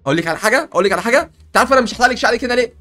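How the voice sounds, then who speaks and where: A man with an Egyptian accent, playing a barber in a comedic game role-play, joking and stammering in quick repeats. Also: very high voice, animated, pushed and bright, soft background music.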